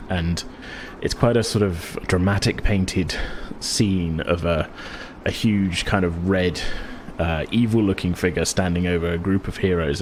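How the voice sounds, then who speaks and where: As game master for a tabletop game, a man narrates casually, rambling and correcting himself as he goes. His voice is low, with slight background noise.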